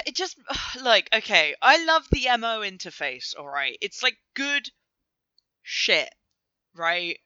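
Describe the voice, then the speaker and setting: Lively bright Canadian woman podcaster. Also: medium pitch, takes it slowly, clear, resonant tone, dry recording, highs cut off. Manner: animated, swears freely, joking argumentative. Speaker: podcast co-host. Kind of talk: casual banter.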